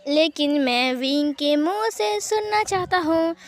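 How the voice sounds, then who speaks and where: Brief: a woman playing a teasing, wheedling young husband in a storybook, high voice. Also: animated, measured pace. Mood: coaxing. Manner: wheedling, pleading. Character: playful, coaxing young husband.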